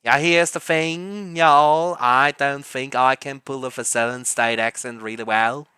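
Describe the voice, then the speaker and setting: A man's voice: medium pitch, fairly even intonation, a little slow, sharp tone, smooth, dry recording. A man on a voice call, chatting loosely as game master while planning a tabletop game, swearing and tripping over his words.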